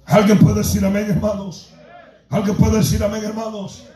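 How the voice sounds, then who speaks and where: A man preaching a fervent Pentecostal sermon, shouting and half-singing his lines and calling on the church to say amen. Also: high-pitched, monotone, moderate pace. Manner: tongues-like exclamations. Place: church sanctuary. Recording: echoey church from far off, music.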